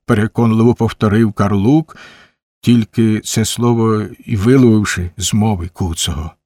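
A man reading a novel aloud as a measured audiobook narrator. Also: on the low side, fairly even intonation, dark tone, dry recording, clean studio sound. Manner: measured, unhurried storytelling. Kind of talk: scripted narration.

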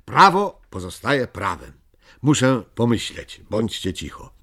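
A man's voice: medium pitch, very animated, a little slow, bright, forceful tone, pitched above the performer's own voice, full character voice. A man voicing a small, earnest male creature who judges a dispute, talking in a raised, insistent, commanding way in a storybook reading. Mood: stern. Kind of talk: storybook character voice.

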